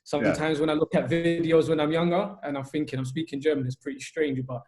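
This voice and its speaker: A young man in his twenties, originally from Albania, recounts his path into coaching on a video call. His voice sits a little high and barely rises or falls. He talks earnestly, filling gaps with hesitations and restarting phrases. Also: level tone, fast talker, a little mellow, faint music behind. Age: 20s. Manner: earnest, many fillers and restarts. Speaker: football coach.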